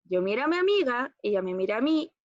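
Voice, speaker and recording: A woman's voice: on the high side, big pitch swings, fast, no echo. Young Chilean woman rambling through a story. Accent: Chilean Spanish. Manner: rambling, hesitant storytelling with fillers and restarts. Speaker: acting student. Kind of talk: rehearsed personal monologue. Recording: dull, dry recording.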